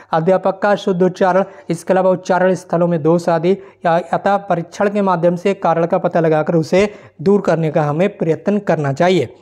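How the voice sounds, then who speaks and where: A steady exam-prep teacher going through model answers one question at a time. The voice sits at a middle pitch and moves along in an even, explanatory way. It keeps pausing to check in with the listener before moving to the next point. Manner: explanatory, reads questions aloud and checks in with frequent "theek hai".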